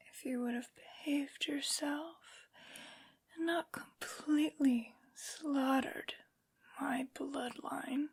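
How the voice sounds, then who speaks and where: A woman voicing a haughty, vengeful aristocratic vampire lady in an ASMR roleplay, in a breathy whisper with taunting, mockingly sweet phrasing. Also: high-pitched, a little mellow, exaggerated voice.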